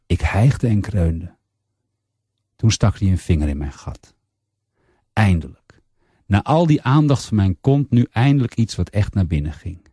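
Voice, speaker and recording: Low, husky male story reader. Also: mellow, dry recording, studio quality. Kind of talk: reading an erotic story aloud.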